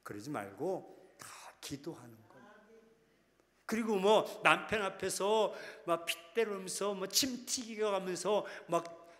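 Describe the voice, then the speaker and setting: A man's voice: sits high, animated, measured pace, a bit bright. A male pastor preaching in a casual, teasing way to his congregation, now and then breaking into impassioned acted prayers. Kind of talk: sermon. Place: large prayer hall. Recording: long hall reverb.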